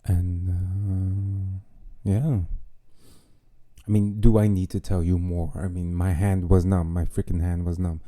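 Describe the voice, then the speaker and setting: A man's voice: deep voice, level tone, takes it slowly, dark tone, no echo. A man hosting a podcast, telling a personal story in a casual, self-mocking monologue with wry jokes. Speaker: podcast host.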